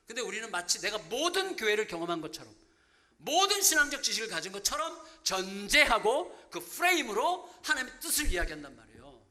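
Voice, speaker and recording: Male pastor, 50s, high and bright voice, preaching with animated, humorous storytelling. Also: fairly quick. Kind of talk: sermon.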